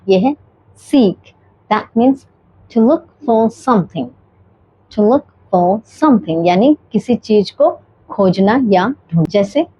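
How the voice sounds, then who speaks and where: A woman teaching English words in a slow, deliberate way, repeating each pronunciation. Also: a little high, a little mellow, dull audio. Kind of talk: bilingual vocabulary lesson.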